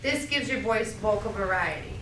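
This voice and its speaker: A middle-aged woman with a Massachusetts accent teaching a speech class, loud and projecting, checking in with "okay?" as she goes. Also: mid-range voice, expressive, normal speed, distant mic, a little hiss or hum. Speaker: college speech instructor. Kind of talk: classroom lecture. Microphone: camera at a distance. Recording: echoey classroom recorded from afar.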